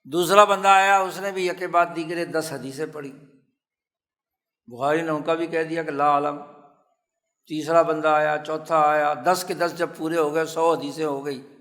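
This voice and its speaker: A man's voice: on the high side, steady tone, fairly bright tone. Man teaching in a reverberant hall. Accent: Pakistani Urdu. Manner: slow, measured storytelling with emphatic repetition. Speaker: religious scholar teaching hadith. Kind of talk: formal religious lecture. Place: lecture hall at a religious institute.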